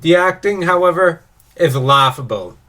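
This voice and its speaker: A man who works as a teacher co-hosts a casual podcast. He reads review excerpts and adds brief, dry remarks in a fairly high voice. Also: animated, normal speed, bright, forceful tone.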